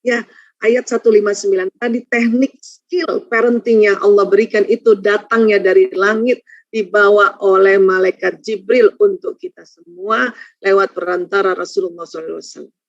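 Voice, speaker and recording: A middle-aged woman giving a religious parenting seminar, lively and acting out quoted voices of mothers and children. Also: mid-range voice, moderate pace, no room sound. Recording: dull muffled dry recording.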